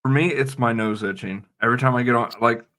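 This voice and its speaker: A man's voice: medium pitch, quick pace, a bit bright. A man co-hosting a casual gaming livestream, dry and teasing, his speech full of fillers like "like". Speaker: co-host.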